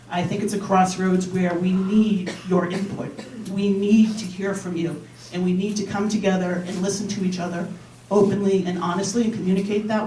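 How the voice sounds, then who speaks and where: A woman's voice: mid-range voice, darkish tone, slight background noise. Middle-aged woman in a roomy hall. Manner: sincere, appealing to the audience. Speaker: candidate for town office. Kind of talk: candidate speech at a public forum. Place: community meeting room. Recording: roomy hall, mic far off.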